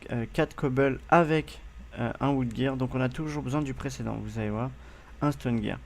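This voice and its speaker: A man's voice: medium pitch, moderate pace, creaky. A man with a French accent hosting a game tutorial, speaking casually with many fillers and hesitations as he addresses viewers. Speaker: gaming tutorial host.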